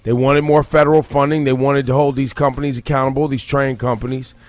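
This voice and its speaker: A man's voice: medium pitch, flat delivery, a little fast, darkish tone, no echo. An American man hosting a radio show in casual, slangy, opinionated talk, repeating phrases for emphasis. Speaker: radio morning show host. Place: radio studio. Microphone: close studio broadcast microphone. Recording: dry studio sound over music bed.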